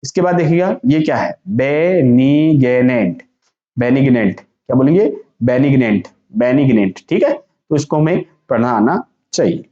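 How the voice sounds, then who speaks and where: Brief: male teacher, mellow slightly high voice, drills pronunciation with call-and-repeat, echoey dull recording. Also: expressive. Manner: repeats each word slowly and asks the class to say it back. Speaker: vocabulary teacher. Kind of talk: exam-prep vocabulary lesson. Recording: echoey room, dull lo-fi sound.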